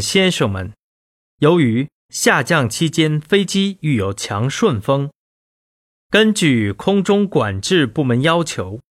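A man reading a scripted cabin announcement in the formal, measured manner of a flight attendant. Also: on the high side, no room sound, studio quality.

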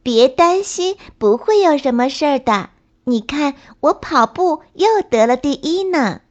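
Casting: a woman doing a cocky little girl bunny, high and sing-song, for a storybook, on a slightly dull recording. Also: animated, measured pace. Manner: bouncy, high childish bragging.

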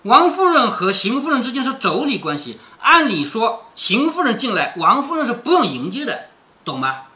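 A man's voice: very high-pitched, big pitch swings, moderate pace, bright, forceful tone. A middle-aged man reading a classic novel aloud to his daughter, explaining it as he goes and often asking rhetorical questions. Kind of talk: explanatory storytelling with quoted dialogue.

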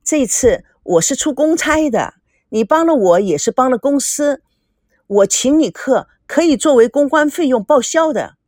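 A woman's voice: high-pitched, expressive, moderate pace, a little mellow, dry recording, clean studio sound. A woman voicing a courteous young man from a wealthy family. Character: polite young rich man, modest and courteous.

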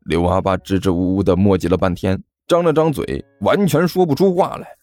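A man narrating a comic storybook, voicing characters with lively shouts. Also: low voice, fairly quick, no room sound, studio quality, faint music behind. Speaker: audiobook narrator.

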